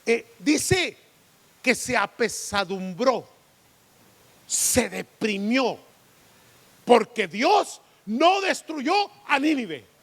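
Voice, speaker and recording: High-voiced pastor preaching in a hall. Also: male voice, very slow, long pauses. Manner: animated preaching with rhetorical questions. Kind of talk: sermon. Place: church sanctuary. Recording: long church hall reverb.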